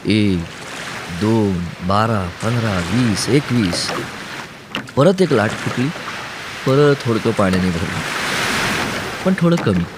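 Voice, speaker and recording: A man reading a story aloud in a measured, expressive narration, with sea waves behind. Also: lowish voice, noisy background. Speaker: audiobook narrator. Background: ocean waves sound effects.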